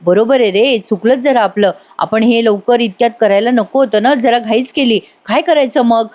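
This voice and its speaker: A woman's voice: on the high side, normal speed, darkish tone, natural voice. A sensible elder brother pleads with a gunman and tries to reason with him, read by a woman narrating a serial. He is earnest and placating. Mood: pleading.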